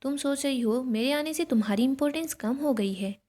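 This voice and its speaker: A woman's voice: high-pitched, brisk, dark tone. A woman reading the lines of a proud young woman who mocks and provokes others, in a spoken recap of a TV serial. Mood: taunting. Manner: mocking, provoking.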